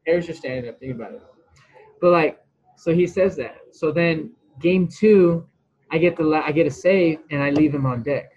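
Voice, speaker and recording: A man, a former baseball pitcher, telling a story as an interview guest, rambling and swearing freely. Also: moderate pace, breathy edge, dull audio. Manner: animated, rambling storyteller who restarts and swears.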